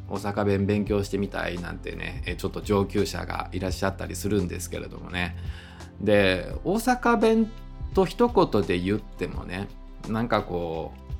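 A man's voice: on the low side, gravelly. A man with an Osaka accent hosting a casual solo podcast, chatting in a conversational way with lots of fillers. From Osaka, Japan. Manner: chatty, conversational, many fillers and tag particles. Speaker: podcast host.

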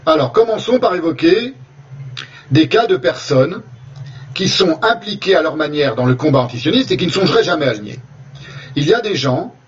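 A man delivering a spoken lecture over slides, deliberate, often restarting his phrases as he goes. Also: a little high, big pitch swings, far from the mic, lo-fi sound, slight background noise. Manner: deliberate, with frequent restarts and hesitations.

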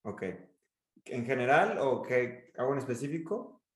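Mexican coach in an echoey room. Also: male voice, unhurried. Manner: expressive, demonstrates pitch and emphasis. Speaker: speaking coach. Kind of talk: coaching in a podcast interview.

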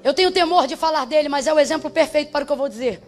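A woman preaching a sermon with fiery shouted refrains, dropping into speaking in tongues. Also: sits high, rapid-fire. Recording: faint music behind.

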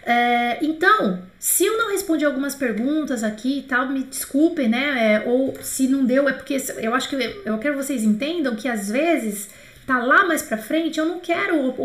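A high-pitched Brazilian woman leads a live online French class in an echoey room. She talks in a chatty, lively way and slows down to repeat phrases for learners to copy. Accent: Brazilian Portuguese. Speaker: French teacher. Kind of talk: live online language lesson.

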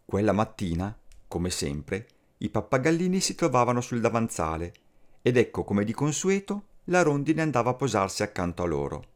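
A man reading a fairy tale aloud as a storyteller, slow and expressive. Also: lowish voice. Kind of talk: scripted fairy tale narration.

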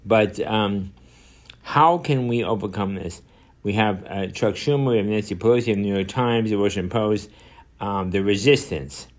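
An older man in his seventies talks alone into his podcast mic. His voice sits a little low, and he rambles through his points with frequent "uh"s and restarts. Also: normal speed. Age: 70s. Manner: rambling, many fillers and restarts. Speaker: podcast host. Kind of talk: solo podcast monologue.

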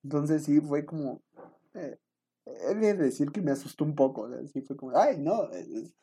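A man's voice: a little high, normal speed, warm tone, husky. A young man with a Mexican accent telling a rambling, self-mocking story to his viewers, full of fillers. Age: young adult. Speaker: vlogger.

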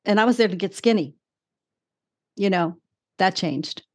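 A woman's voice: mid-range voice, measured pace. A woman in her sixties giving candid personal testimony as an interview guest, telling her story emphatically with short repeated phrases. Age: 60s.

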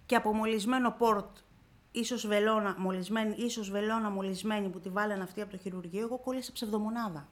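A woman's voice: medium pitch, fairly even intonation. A woman guest on a radio interview, vividly retelling her own story and acting out the dialogue in it. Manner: vivid retelling, acting out quoted dialogue with constant "I say, she says". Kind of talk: emotional personal storytelling on radio.

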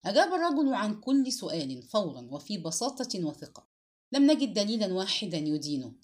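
Woman reading a crime novel aloud, dramatic, pitch all over the place. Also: fast talker. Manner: expressive, dramatic storytelling. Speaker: narrator. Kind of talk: dramatic audiobook narration.

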